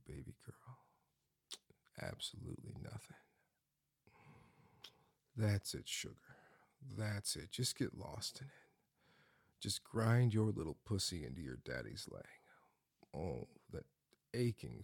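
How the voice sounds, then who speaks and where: Slow, gravelly, murmuring man. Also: sits low, no room sound, studio quality. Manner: soft, murmuring, frequent hums and sighs; slips into breathy whispers. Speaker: audio roleplay performer. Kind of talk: intimate whispered roleplay.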